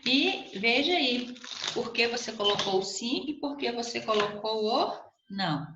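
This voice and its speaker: A woman's voice: fairly high pitch, lively intonation, unhurried, noisy background. A woman teacher, patiently walking students through a recorded lesson and checking in with them often. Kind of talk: recorded remote class lesson. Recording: echoey room, slightly dull lo-fi audio.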